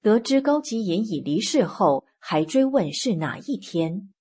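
A woman reading scripted news reports in a steady, formal manner. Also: mid-range voice, unhurried, slightly rough. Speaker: news reader.

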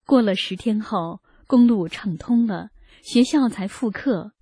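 Mellow, breathy woman reading a testimony. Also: mid-range voice, a little slow, no echo, clean studio sound. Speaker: narrator of a personal testimony. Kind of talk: read first-person narration.

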